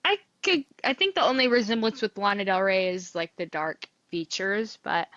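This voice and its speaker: A woman's voice: mid-range voice, normal speed, fairly bright tone, dry recording, lo-fi sound. A woman co-hosting a podcast in casual chat, easygoing and laughing along between lines. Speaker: podcast co-host.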